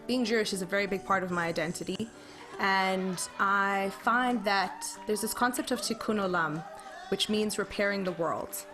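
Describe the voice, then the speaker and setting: A woman's voice: mid-range voice, moderate pace, over music. A woman speaking earnestly and thoughtfully in an interview.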